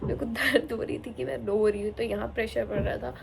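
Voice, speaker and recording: Young female vlogger, candid and emotional, slightly high voice, light background noise. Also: fairly even intonation, quick pace, vocal fry. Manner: emotional, candid, mixes English into her talk. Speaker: vlogger, new mother. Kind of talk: casual vlog talk to camera.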